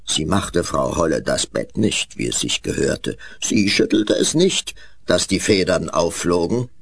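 A man narrating a children's fairy tale in an expressive storytelling way. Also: sits low, measured pace, creaky, breathy edge, no room sound.

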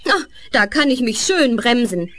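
A woman's voice: fairly high pitch, very animated, unhurried, a bit bright, a little hiss or hum. A woman playing a lazy, greedy and rude young girl in a children's fairy-tale radio play. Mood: sulky. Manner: sulky, rude, whiny.

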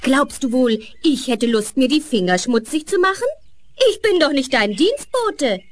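A woman's voice: high voice, very animated, a little slow, slight background noise. A woman playing a lazy, greedy and rude young girl in a children's fairy-tale radio play. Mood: sulky. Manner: sulky, rude, whiny.

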